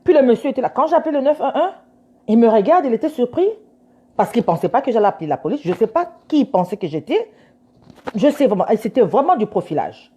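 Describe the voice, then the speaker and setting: Woman lawyer, fairly high, mellow-toned voice, emphatic and indignant storyteller, dull lo-fi sound. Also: sing-song, quick pace, slightly rough. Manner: indignant, emphatic retelling with acted dialogue. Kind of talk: casual storytelling. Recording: dull lo-fi recording.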